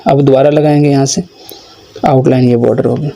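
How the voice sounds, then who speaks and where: A man teaching a computer course, explaining each step of a screen-recorded software tutorial and voicing the learner's requests himself. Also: mid-range voice, flat delivery, fairly quick, creaky.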